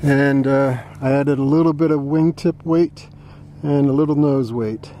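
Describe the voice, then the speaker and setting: A man giving relaxed running commentary while flying a model plane outdoors, thinking aloud with fillers. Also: mid-range voice, a little slow, muffled recording, slight background noise. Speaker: model aircraft flyer. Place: open grassy field outdoors.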